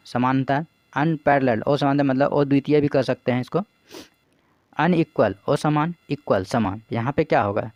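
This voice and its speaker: A man's voice: mid-range voice, darkish tone, no room sound. A man teaching as an exam coach, explaining English vocabulary in Hindi, asking his own questions, answering them, and spelling words out letter by letter.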